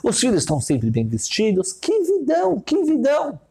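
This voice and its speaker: A man's voice: extremely high pitch, moderate pace, gravelly, husky. A man telling a moral story in a sermon, acting out each character. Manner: animated, acts out every voice.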